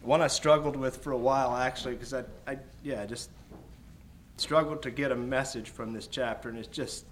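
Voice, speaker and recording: A man preaching a sermon in a church, explaining Scripture slowly with emphatic repetition. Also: mid-range voice, fairly even intonation, a little hiss or hum.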